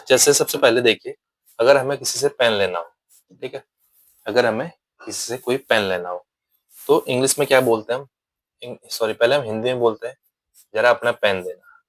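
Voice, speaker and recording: A man teaching good-manners phrases in an English lesson, explaining patiently and repeating each example phrase slowly. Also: medium pitch, dry recording, poor audio. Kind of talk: spoken English lesson in Hindi.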